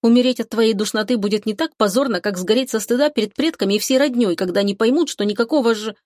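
A woman reads a young woman who is quick to anger and grumbles through her words, her voice lifted noticeably higher than the narration. The sound is close and dry, with no room around it. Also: a little mellow, no echo, close to an everyday voice. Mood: indignant. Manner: snappy, indignant grumbling. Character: young woman, irritable and sharp-tongued. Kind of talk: audiobook character voice.

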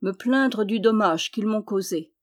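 A small, humble tailor speaks earnestly and politely, as a woman reading a folk tale aloud puts him on. He is brave despite his size and full of courteous thanks, in a voice of middling pitch. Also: unhurried, natural voice.

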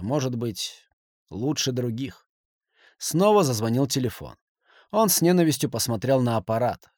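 Expressive male audiobook narrator, dry sound. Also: mid-range voice, no room sound. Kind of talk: scripted narration.

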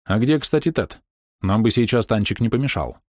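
A man reading an audiobook, voicing an excitable, gushing young woman gamer who squeals. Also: fairly low pitch, normal speed, dry recording, studio quality, voice pushed up. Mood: flustered.

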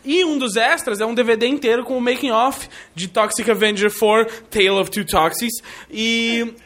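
A man's voice: extremely high pitch, fairly even intonation, normal speed, fairly bright tone. A Brazilian man co-hosting a podcast, making dry jokes in casual chat. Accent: Brazilian Portuguese. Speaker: podcast co-host.

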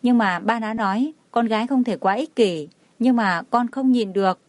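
A woman's voice: fairly high pitch, normal speed, no room sound, close to an everyday voice. A woman reading the lines of a tearful, jealous little girl in an audiobook, in a sobbing, aggrieved, pleading way.

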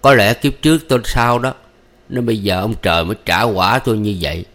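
Young injured husband, Southern Vietnamese accent, blunt and resigned, read by a male narrator, low voice. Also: fairly quick, a bit bright, natural voice. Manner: blunt, rustic, half-joking.

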